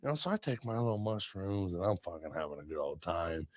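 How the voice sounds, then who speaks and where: A man's voice: low voice, fast. A man hosting a casual podcast, telling stories animatedly, swearing a lot and yelping when he acts out being scared. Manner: animated storyteller, swearing, loud yelps when acting out scares. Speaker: podcast host.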